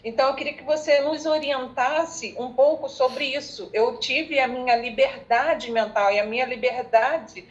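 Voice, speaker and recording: Earnest woman on a dull call line. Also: sits high. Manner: earnest, measured, quotes scripture. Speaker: participant asking a question. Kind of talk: casual online group talk.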